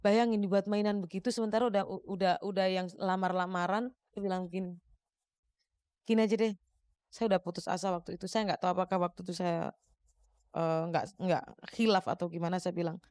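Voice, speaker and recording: A woman's voice: fairly low pitch, a little fast, no echo. Dry-sounding woman telling her story. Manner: animated, acts out quoted dialogue. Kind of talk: emotional personal storytelling.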